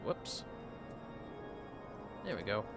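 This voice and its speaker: A man speaks very slowly over loud background music while streaming a game. His commentary is casual and a little tired, as if he is half talking to himself while he plays.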